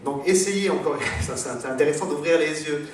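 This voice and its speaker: Recorded from afar in a large hall full of echo, a Frenchman lectures on religion, drifting off topic and leaning on fillers and repeated words. His voice sits a little high and moves at a moderate pace. There's faint background ambience plus a touch of hiss or hum.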